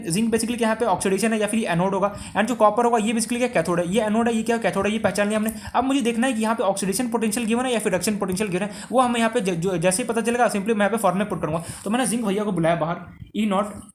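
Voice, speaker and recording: A young man with an Indian Hindi accent teaching chemistry, talking very fast in one breath and asking and answering his own questions. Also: high-pitched. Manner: rapid, talks in one breath, asks and answers himself. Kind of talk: fast explanatory lesson.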